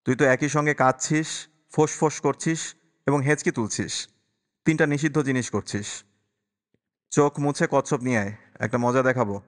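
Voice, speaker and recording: A grave, protective young uncle, read by a male narrator in a voice close to his own, earnest and firm. The man's voice is mid-pitched, and it rings with a long echo. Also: moderate pace, long pauses, lightly acted. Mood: gentle teasing.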